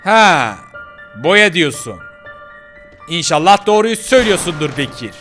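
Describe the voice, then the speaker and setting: A man's voice: a little high, big pitch swings, a little slow, a bit bright, soft background music. A man voicing a brave, determined young girl in a game role-play, bossy and urgent as she scolds her companion. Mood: tense.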